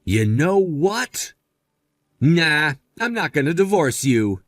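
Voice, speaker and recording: A betrayed husband who stays firm and unyielding, his voice swinging widely in pitch as he confronts his wife, as a man acts him out. The recording is dry and close, with no room sound. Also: very animated, slow pace, a bit bright, no room sound, full character voice. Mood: stern.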